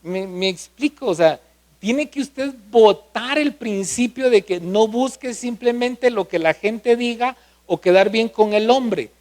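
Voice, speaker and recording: A man's voice: high voice, measured pace, a little mellow. A male pastor preaching a sermon, often asking the congregation questions.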